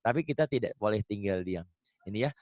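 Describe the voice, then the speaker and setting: A man teaching the Quran online, chanting verses slowly and melodically, then explaining them in an animated, emphatic way. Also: on the low side, dry recording, dull audio. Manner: animated, emphatic storytelling with rising bursts of emphasis. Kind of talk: Quran recitation and religious teaching. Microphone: video call.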